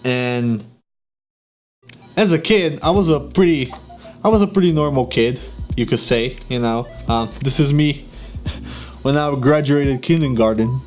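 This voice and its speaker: A young Brazilian YouTuber with a Brazilian Portuguese accent chats casually to camera, laughing often and filling gaps with ums and restarts. His mid-range voice is a little mellow and a little slow, with long pauses, and soft music plays in the background.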